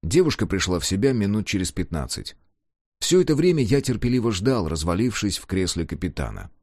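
A man narrating an action audiobook in the first person, steady and dramatic. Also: lowish voice, fairly quick, no room sound, clean studio sound.

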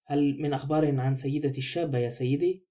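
A man reading the part of a dull, cold-mannered gardener who answers flatly and curtly. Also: fairly high pitch, fast talker, natural voice. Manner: flat, curt.

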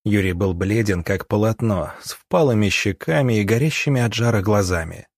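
A man reading an audiobook in measured, even storytelling. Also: fairly low pitch, no room sound, studio quality. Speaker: audiobook narrator. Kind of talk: scripted audiobook narration.

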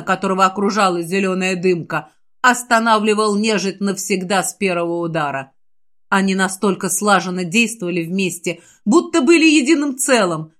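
A woman narrating a fantasy novel in a steady, expressive audiobook reading. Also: mid-range voice. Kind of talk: scripted narration.

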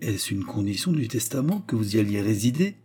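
A man reading an audiobook voices a blunt, stingy woman who speaks curtly and sardonically, in a mellow, husky voice. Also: on the low side, big pitch swings, a little fast. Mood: dry. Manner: curt, sardonic. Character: older woman, blunt, stingy, sharp-tongued sister-in-law.

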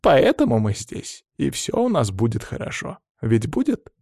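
A man voicing a calm old grandfather. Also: mid-range voice, moderate pace, gravelly, husky, dry recording, exaggerated voice. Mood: knowing. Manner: dry, knowing, gently amused.

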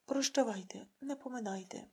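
Lady reading an angry worked-up village party guy, husky voice. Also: a little high, normal speed. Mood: defiant farewell. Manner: excited, fierce. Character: defiant male village party organizer, agitated.

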